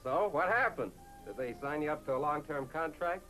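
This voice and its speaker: A man's voice: fairly high pitch, animated, brisk, sharp tone, soft background music. An actor playing a sardonic young man teasing his girlfriend, dry and mocking.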